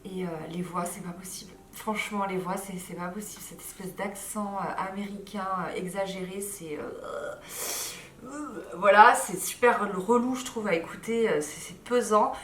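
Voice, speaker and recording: A woman in her thirties chatting casually to camera as a vlogger, tired, with lots of fillers and lively asides. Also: medium pitch, normal speed, few pauses. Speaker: lifestyle vlogger. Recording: roomy echo, mic a bit far.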